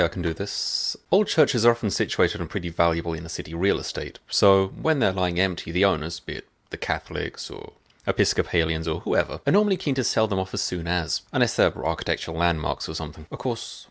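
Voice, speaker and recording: A man's voice: deep voice, creaky. A man co-hosting a scripted film review show, reading his part with a dry, wry delivery.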